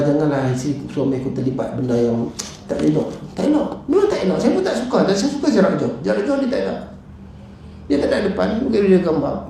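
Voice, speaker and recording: A middle-aged man with a Malaysian Malay accent, preaching in a lively mosque talk that jumps up and down in pitch as he acts out his stories. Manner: animated storytelling, acts out his wife and callers. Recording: echoey hall with faint noise.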